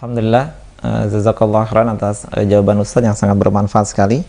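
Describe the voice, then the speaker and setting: A man's voice: on the low side, level tone, fast talker, creaky, warm tone. A man moderating a religious Q&A, politely reading out listeners' questions in a formal way. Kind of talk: hosting a Q&A session.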